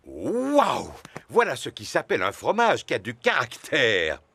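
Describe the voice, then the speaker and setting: Wildly expressive cartoon daddy pig. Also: male voice, medium pitch, measured pace, creaky, husky, no room sound, full character voice. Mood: cheerful, puzzled. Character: good-natured, easily awed daddy pig in a children's cartoon. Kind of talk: French cartoon dub acting.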